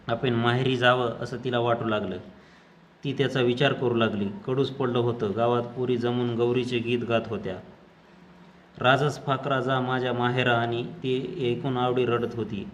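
A storyteller with a Marathi accent, reading a village tale aloud in a measured, even way. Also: male voice, mid-range voice, a little hiss or hum.

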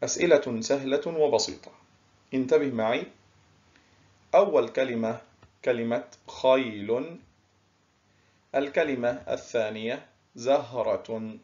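Male teacher, unhurried, drawn-out word stress, mid pitch, muffled lo-fi sound. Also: darkish tone. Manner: slow, drawn-out word stress, praising pupils. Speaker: primary school teacher. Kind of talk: recorded classroom lesson.

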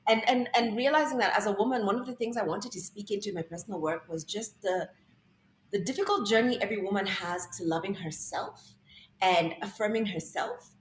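Speaking briskly at a medium pitch, a young woman from Kenya appears as a guest artist on a video call and reflects on her work in a conversational interview. She quotes herself in lively, animated voices. The audio from her bright indoor room sounds roomy, with faint background noise.

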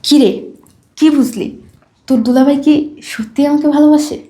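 A young wife, played by a woman talks in a calm, matter-of-fact way. Her voice is fairly high but mellow. It has the feel of a home-made short film. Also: moderate pace, roomy sound, slight background noise, natural voice.

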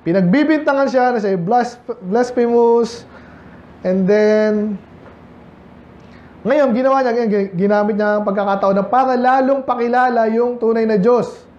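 Filipino pastor in an echoey church. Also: male voice, extremely high pitch, unhurried, a little mellow. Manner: conversational, mixes English Bible verses into talk. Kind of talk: sermon. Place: church hall. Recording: echoey church, dull lo-fi sound.

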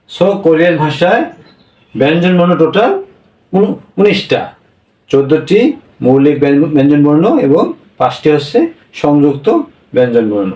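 A man teaching a language class, explaining slowly and repeating each point, often checking with a quick "yes?". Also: on the high side, darkish tone. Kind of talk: classroom-style lesson. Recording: echoey room, voice from a distance.

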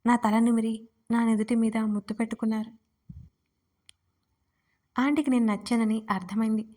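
A woman narrating her own first-person romance story in a steady, intimate reading. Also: a little high, moderate pace. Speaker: writer and narrator.

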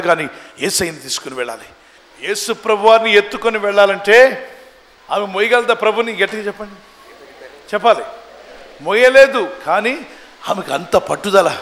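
A man's voice: high-pitched, lively intonation, fairly quick, pauses often, fairly bright tone. A man preaching an emphatic revival sermon, calling the congregation to answer back while an interpreter follows him. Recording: long echoey hall reverb.

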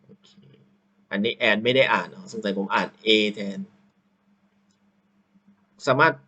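A man teacher talks through a screen-recorded software tutorial at a slow, easy pace. His voice sits fairly low, and he thinks aloud with long drawn-out fillers. The sound comes from a computer microphone.

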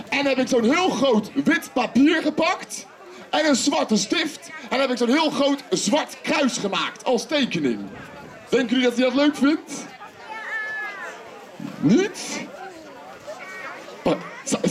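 A man performing as a children's clown at an outdoor festival, playfully shouting questions to the kids and teasing them. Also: very high voice. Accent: Dutch. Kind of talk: lively clown patter for children. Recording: open-air festival with crowd. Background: crowd of children.

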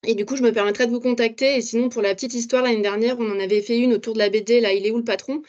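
A woman's voice: on the high side, steady tone, darkish tone, highs cut off. A woman taking part in a webinar, speaking with fillers. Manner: quick, with fillers. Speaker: webinar participant. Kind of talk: casual webinar remark.

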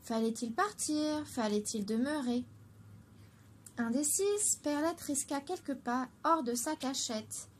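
Female narrator for a children's storybook: high-pitched, clear and gentle, with light background noise. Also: takes it slowly.

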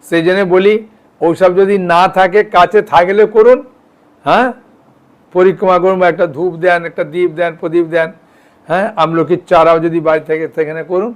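A man's voice: sits high, level tone, normal speed, clear, resonant tone. A man giving an informal devotional lecture, talking plainly and often checking in with his listeners. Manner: conversational, frequent "yes?" and "all right?" checks with listeners. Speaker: devotional teacher.

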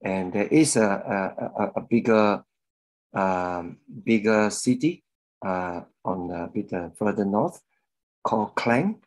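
A middle-aged man from Malaysia shares a personal testimony over a video call. His voice sits very low and he speaks slowly, pausing often with fillers. He talks from a room at home into a webcam mic. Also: animated, poor audio. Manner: slow and hesitant, many fillers. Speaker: guest speaker giving a testimony. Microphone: video call webcam with earphones.

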